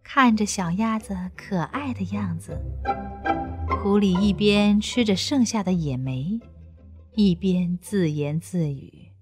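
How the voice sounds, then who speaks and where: A woman reading a children's story aloud with expressive, playful emphasis. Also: mid-range voice, slow, breathy edge, faint music behind.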